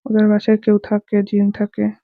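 A woman speaks in short, quiet replies with an almost monotone delivery and a gravelly edge. She answers as the spirit said to possess her. The sound is thin and phone-like. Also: medium pitch, normal speed. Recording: tinny phone-like recording.

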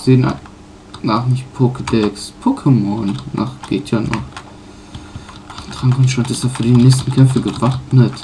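A man casually commenting on his own playthrough, pausing often with fillers and correcting himself. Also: mid-range voice, steady tone, dark tone, slight background noise. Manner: halting, many fillers and self-corrections. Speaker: let's player.

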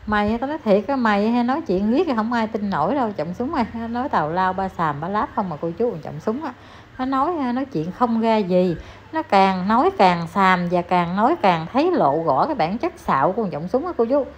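A woman's voice: mid-range voice, animated, brisk, slight background noise. A woman with a Southern Vietnamese accent giving a heated, scolding commentary vlog, talking down to the person she criticizes. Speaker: online commentator. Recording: slightly dull recording, faint background ambience.

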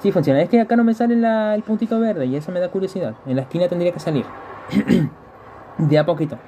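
A man live-streaming a game, chatting with viewers and repeating phrases in quick bursts. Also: high-pitched, dark tone, slight background noise.

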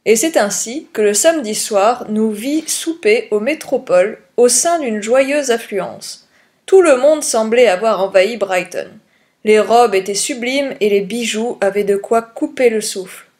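A woman reading a classic detective story aloud, in a clear and measured voice. Her voice sits fairly high for a woman. The narration is unhurried. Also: darkish tone.

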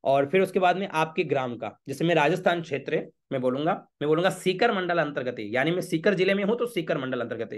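Priest calmly explaining a ritual. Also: male voice, a little high. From Rajasthan, India. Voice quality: chants Sanskrit verses slowly. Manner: patient, repeats checks like "okay?". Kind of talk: step-by-step ritual instruction.

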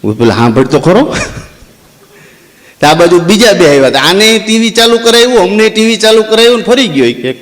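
A man spins a comic village tale, slipping in and out of the people he quotes. His voice sits high for a man, and he stretches out the mourners' chants for effect. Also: fairly quick. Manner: lively, acts out quoted characters, drawls crowd chants. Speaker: stand-up comedian and storyteller. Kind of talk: folk comic storytelling.

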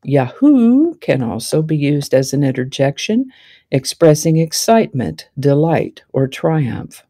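A woman's voice: low-pitched, sing-song, unhurried, dark tone, no echo. A woman from Texas hosting a daily history segment, reading from a script with chatty, wry asides and words stretched out for emphasis. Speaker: host.

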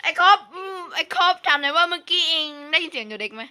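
High, very bright, animated woman gamer. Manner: rapid repeating of short phrases when excited. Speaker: video game player. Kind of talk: excited casual gaming chat. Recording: faint background noise, clicks.

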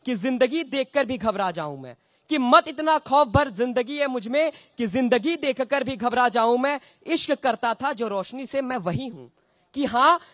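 A man's voice: very high-pitched, a bit bright, dry recording, studio quality. A young man performing his poems and a sung verse at an open mic, reading from his phone at a stand mic on an indoor stage. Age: young adult. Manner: reads from phone at stand mic, recites then sings. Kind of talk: poetry recitation and sung verse. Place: indoor stage at a literature festival.

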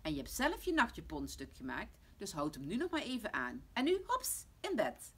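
A woman doing a calm, firm storybook father. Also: fairly high pitch, moderate pace, husky, voice pushed up, heavily acted. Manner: firm, reassuring. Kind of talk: storybook reading.

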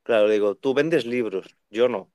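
Animated young bookseller, smooth dry voice. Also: male voice, lowish voice, normal speed, dry recording. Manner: animated, talks in long runs and acts out quoted voices. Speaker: second-hand bookseller. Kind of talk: casual conversational interview. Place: bookshop with full shelves behind. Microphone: video call webcam.

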